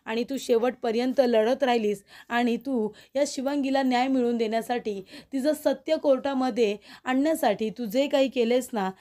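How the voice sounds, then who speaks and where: A woman's voice: on the high side, steady tone, normal speed, hardly any pauses, mellow, close to an everyday voice. A woman voicing a senior male lawyer in a retold TV serial, firm and approving, in her own voice. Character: man, proud senior lawyer.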